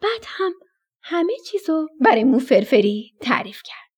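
Her voice sits high and is slightly rough as she reads a children's bedtime story on the radio, talking to the kids affectionately and with plenty of animation.

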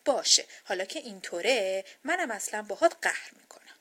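A woman voicing a little girl in a children's storybook, coaxing in a drawn-out way. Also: mid-range voice, expressive, fairly bright tone, slightly rough. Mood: sulky. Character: little girl, sweet then sulky.

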